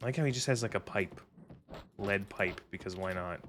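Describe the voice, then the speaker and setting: A man's voice: fairly low pitch, brisk, a bit bright, slight background noise. A man giving casual, rambling, sweary commentary as he streams a video game.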